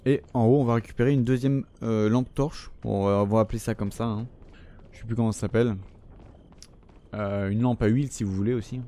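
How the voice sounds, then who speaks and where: A man's voice: mid-range voice, fairly even intonation, a little fast, warm tone. A man giving casual gameplay commentary, chatting loosely, swearing often and talking to the enemies on screen. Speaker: gaming channel host.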